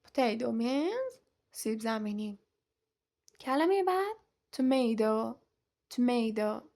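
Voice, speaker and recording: A young woman teaching an English vocabulary lesson, saying each word slowly and clearly, then repeating it, with quick explanations in between. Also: on the high side, sing-song, a little mellow.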